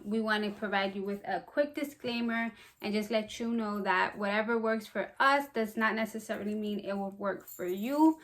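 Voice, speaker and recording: A young woman who runs a small business, talking casually to camera in an upbeat, fast, slightly breathless way. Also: medium pitch, a bit bright. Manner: chatty and upbeat, talks fast. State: a bit out of breath. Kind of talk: casual vlog talk to camera.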